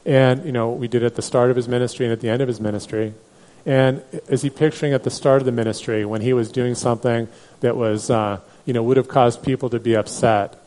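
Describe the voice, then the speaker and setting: A man's voice: medium pitch, fairly even intonation, fast, mellow. A man teaching a Bible class in a conversational way, with many fillers and restarts. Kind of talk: Bible study lecture.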